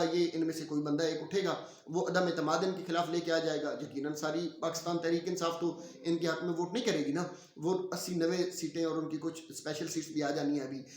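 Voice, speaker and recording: A man gives an opinionated political commentary vlog, talking emphatically with frequent filler sounds. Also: a little high. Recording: roomy echo.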